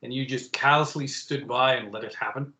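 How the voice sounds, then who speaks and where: Bright-voiced man playing formally. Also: medium pitch, a little fast, echoey room. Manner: formal, dry phrasing in character. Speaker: player.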